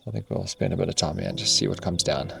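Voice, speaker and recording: A man's voice: deep voice, fast, vocal fry, a bit bright. A man with a South African accent, a travel vlogger chatting casually outdoors. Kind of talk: casual vlog chat. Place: outdoors at a safari camp and waterholes.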